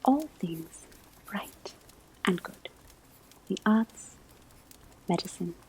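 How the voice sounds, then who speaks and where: An ASMR roleplay performer voices a calm divination professor at a witch school, whispering a soft, breathy lecture in a slow, deliberate, instructive way. Her mid-range voice is a full character voice. Clear background ambience carries classroom sounds, a crackling fireplace, and turning pages.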